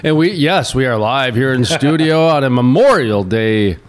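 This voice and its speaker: A man's voice: medium pitch, animated, moderate pace, a crowd in the background. A man hosting a morning radio show with casual, chatty banter. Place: radio studio.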